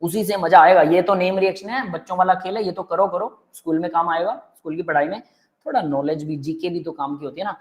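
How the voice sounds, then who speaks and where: Male teacher, relaxed and friendly; step-by-step explainer who checks in with students constantly. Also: high voice, fast. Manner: explains step by step, keeps checking the class understands; relaxed and friendly, calls students "beta" and "bhai". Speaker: chemistry teacher. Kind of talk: live online chemistry lecture.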